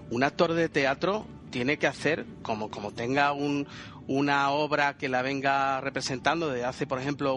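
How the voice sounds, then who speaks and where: A man who trains people in public speaking, musing aloud and asking questions in a relaxed podcast conversation. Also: on the high side. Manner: reflective, asks questions, hesitant restarts.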